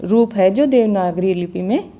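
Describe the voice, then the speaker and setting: A woman teaching a Hindi grammar lesson on vowel pronunciation, speaking deliberately and repeating example words to show each sound. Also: medium pitch, warm tone.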